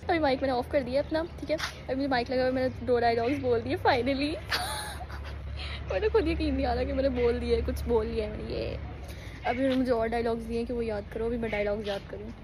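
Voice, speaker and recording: A woman's voice: on the high side, fast talker. A young woman, a university student, chatting casually and rambling in a giggly way for her vlog. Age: young adult. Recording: crowd and noise behind.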